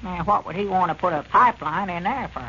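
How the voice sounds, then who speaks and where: An actor playing a naive, excitable old Southern country man in a 1930s radio comedy, folksy and hesitant. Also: high-pitched, quick pace. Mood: puzzled. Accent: rural Southern US. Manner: folksy, hesitant, repeating himself. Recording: muffled, noisy 1930s radio recording.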